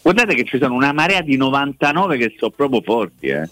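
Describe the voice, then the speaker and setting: A man's voice: medium pitch, sing-song, fast, sharp tone, dry recording. A man hosting a football talk show, chatting casually and addressing listeners directly. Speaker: host.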